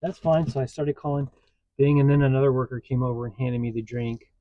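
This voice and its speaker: A man casually telling stories in a vlog from inside his parked vehicle, getting animated as he retells what happened. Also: mid-range voice, fast talker, no echo, lo-fi sound. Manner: chatty, animated when retelling a story. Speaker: vlogger.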